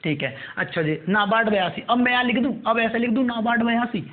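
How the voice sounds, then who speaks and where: High-voiced male coaching teacher. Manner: repetitive, drills terms slowly for note-taking. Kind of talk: current affairs class dictation. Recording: tinny phone-like audio.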